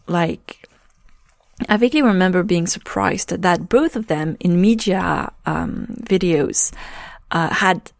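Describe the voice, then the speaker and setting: Slow, gravelly-voiced woman musing. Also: lowish voice, dry recording, studio quality. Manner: hesitant, thinking aloud with many pauses. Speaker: podfic reader. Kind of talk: casual spoken commentary.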